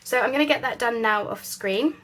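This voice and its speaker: A woman's voice: on the high side, a little fast, a bit bright. A woman chatting casually as she works on a craft project, thinking aloud with lots of fillers. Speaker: crafting channel host.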